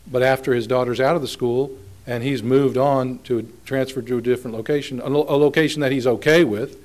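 A man, an attorney giving oral argument in a courtroom, speaking in a measured, halting way with frequent restarts. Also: medium pitch, steady tone, darkish tone. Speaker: appellate attorney.

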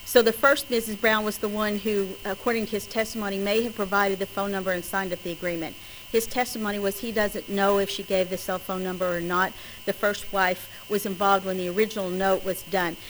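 Woman, West Texas twang, lawyer's courtroom argument, emphatic deliberate phrasing, faint background noise. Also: mid-range voice, little pitch movement, rough recording. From West Texas, United States. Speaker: lawyer arguing before a judge.

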